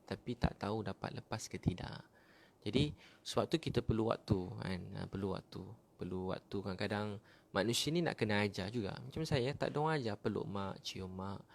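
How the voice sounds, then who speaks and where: A young man preaching a sermon, telling lively stories with humor and emotional turns. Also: lowish voice, gravelly.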